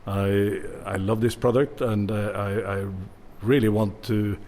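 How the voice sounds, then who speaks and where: A man's voice: on the low side, little pitch movement, unhurried, darkish tone, a little hiss or hum. A man in his sixties from Norway, a bodega owner answering interview questions with many fillers and restarts.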